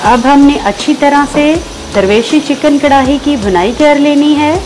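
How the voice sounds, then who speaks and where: A woman with a Pakistani Urdu accent hosts a cooking show, her high voice keeping a measured pace as she patiently gives step-by-step recipe instructions and enthuses about the dish. The voice-over has faint background music and a noisy background.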